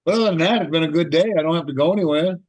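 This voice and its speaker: A man's voice: fairly high pitch, rapid-fire, a little mellow, rough recording. A man co-hosting a podcast, chatting casually in a dry, grumbling way. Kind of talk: casual chat.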